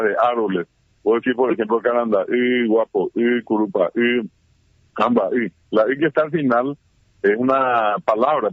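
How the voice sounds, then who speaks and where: A man's voice: mid-range voice, no room sound. Man explaining over a tinny phone line. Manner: explanatory, with many fillers and restarts. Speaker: guest, Guarani scholar. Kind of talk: radio interview explanation. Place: at home during heavy rain.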